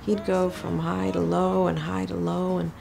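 Middle-aged woman with a heavy vocal fry. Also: on the low side, little pitch movement, unhurried, a little mellow, a little hiss or hum. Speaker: interviewee, mother. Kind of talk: documentary interview.

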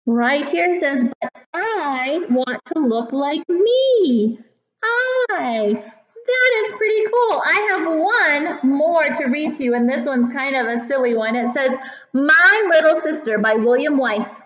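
High-voiced, slow-paced woman teaching little children. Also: animated, a bit bright, roomy sound, highs cut off. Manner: simple, deliberate, encouraging talk as if reading to a toddler. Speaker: kindergarten teacher. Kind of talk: teaching and reading aloud to young children. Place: classroom, indoors.

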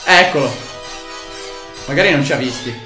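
A young man hosting a gaming channel, excitable and swearing, bursting into yells while he plays. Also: mid-range voice, normal speed. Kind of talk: casual gameplay commentary. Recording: roomy sound with faint music.

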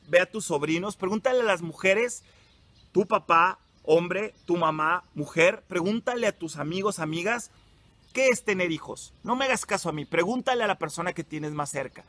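A man's voice: high voice, a bit bright. A young Mexican man, a psychologist, giving an emphatic motivational talk to teenagers and putting direct questions to them. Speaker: psychologist and workshop leader.

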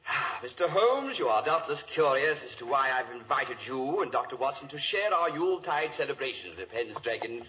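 An actor playing a courteous, anxious English lord in a 1940s radio drama, speaking formally. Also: male voice, mid-range voice, big pitch swings, a little fast, few pauses, close to an everyday voice. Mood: formal, concerned. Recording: muffled, hissy 1940s radio recording.

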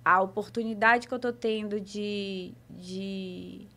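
A woman's voice: medium pitch, fairly even intonation, slow pace, sharp tone. A woman chatting as a podcast guest, sometimes hesitant and searching for words. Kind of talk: casual chat.

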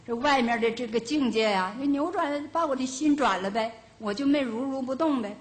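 Older lady buddhist teacher, somewhat high voice, chatty homespun stories w/ little laughs. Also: a little fast. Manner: lively, homespun anecdotes with chuckles. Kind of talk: storytelling dharma talk. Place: lecture hall of a Buddhist centre.

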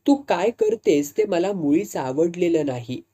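A woman's voice: on the low side, wildly swooping pitch, a little slow, mellow, heavily acted. Woman voicing a firm older sister. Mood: stern. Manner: firm, stern.

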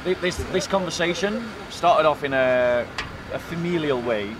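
A man's voice: on the high side, lively intonation, measured pace. A man in his thirties with an English accent, pressing his point in a heated outdoor debate, repeating questions and cutting in. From England. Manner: insistent, interrupts with repeated questions. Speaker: street preacher. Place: outdoor park by a kiosk, city crowd. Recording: outdoor crowd noise. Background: crowd chatter.

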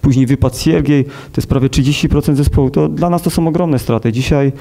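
Male coach in his thirties, very dark voice, hesitant, measured, many fillers, press conference table mic. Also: a little high, gravelly. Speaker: football coach. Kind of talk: post-match press conference. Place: press conference room with sponsor wall.

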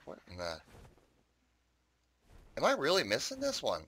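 A bright-voiced man rambles through casual commentary on his game, talking straight to viewers. His pitch swings up and down a lot, and he swears freely as he plays. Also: wildly swooping pitch, a little slow, dry recording. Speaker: gaming YouTuber.

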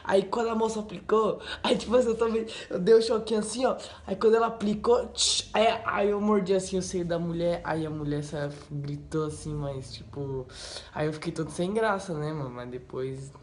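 A man's voice: high-pitched, moderate pace, slight background noise. A man telling funny personal stories in a casual, rambling vlog at home, full of fillers. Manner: excitable, rambling, full of "tipo assim" and "né". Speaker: channel host. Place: at home by a wall indoors.

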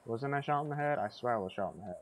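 A man's voice: mid-range voice, animated, very fast. A man giving gameplay commentary, rambling through confused asides to himself. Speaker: gamer.

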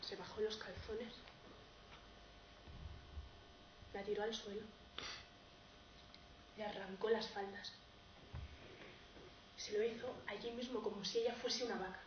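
A young woman acting as a poor, grieving male peasant farmer in a tragicomic stage monologue, telling the story in a broken, halting way. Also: medium pitch, steady tone, far from the mic, natural voice. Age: young adult. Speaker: drama student. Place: theatre stage. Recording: dull, roomy stage recording, noisy.

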